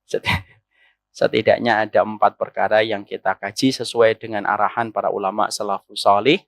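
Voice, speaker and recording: A male Islamic preacher giving a sermon to women, animated and teasing, asking rhetorical questions. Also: lowish voice, moderate pace, creaky, no echo.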